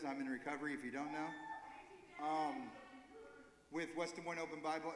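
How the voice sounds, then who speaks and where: A man leading a recovery ministry gives an informal, earnest church talk, halting and correcting himself as he goes. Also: medium pitch, fairly bright tone. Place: church sanctuary. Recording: echoey hall with long reverb.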